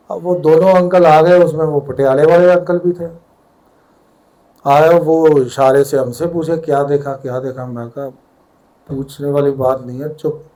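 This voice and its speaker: A man's voice: fairly high pitch, dark tone, poor audio. An older man with a Punjabi accent tells a story at a satsang, vividly acting out the dialogue. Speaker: devotee sharing a satsang story.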